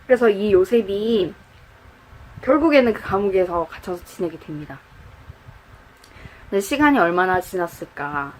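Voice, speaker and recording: Woman, youth pastor, storytelling sermon, animated, acts out quotes, church. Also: medium pitch, moderate pace, long pauses, slight background noise, rough recording. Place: church, indoors.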